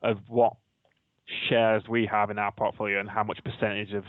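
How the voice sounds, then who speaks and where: A man's voice: lowish voice, level tone, moderate pace, no room sound. A man with a Yorkshire accent chatting casually as a podcast co-host, informal, slangy and matey in manner. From Yorkshire, England. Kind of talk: casual chat. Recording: dull, lo-fi audio.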